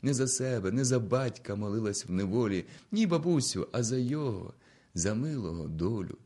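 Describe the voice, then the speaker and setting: A man voicing a frightened young orphan woman who speaks in a soft, plaintive, hushed way. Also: fairly low pitch, animated, moderate pace. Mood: grieving.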